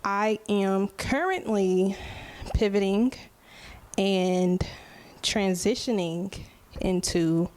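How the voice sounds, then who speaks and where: A woman in her twenties, a musician, hosts a solo podcast in a mid-range, darkish voice. She talks slowly and openly to her listeners, keeping it casual and unhurried and often checking in with "right?".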